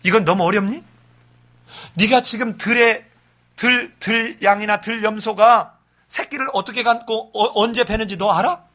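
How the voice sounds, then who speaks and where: A man acting out God, who sternly quizzes and scolds a suffering man with sharp, mocking questions. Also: high-pitched, steady tone, normal speed. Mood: challenging.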